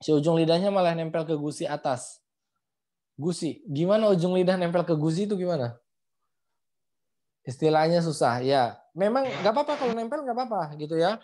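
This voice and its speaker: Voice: medium pitch, moderate pace, long pauses, warm tone. A Quran recitation teacher giving a casual online lesson over a video call, repeating points and sounding out syllables aloud. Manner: repetitive, demonstrates sounds aloud, frequent "ya" and "gitu".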